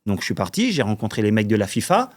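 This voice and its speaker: A man's voice: on the low side, wildly swooping pitch, fast. A man in his forties from the Paris suburbs, a podcast guest telling long anecdotes in casual chat, with many fillers and frequent chuckles. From Paris suburbs, France. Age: 40s. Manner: rambling storyteller, filler-heavy, chuckles often.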